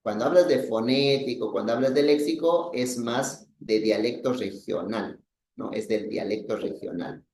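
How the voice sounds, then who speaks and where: A man's voice: mid-range voice, moderate pace, a little mellow, a little hiss or hum. A man teaching a language class, explaining patiently, repeating himself and often checking with "¿no?". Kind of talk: language lesson. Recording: echoey room.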